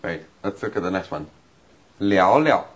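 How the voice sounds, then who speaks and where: A man's voice: deep voice, animated, moderate pace, slightly rough. A man teaching vocabulary and grammar in a lesson, explaining patiently with examples. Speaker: language teacher.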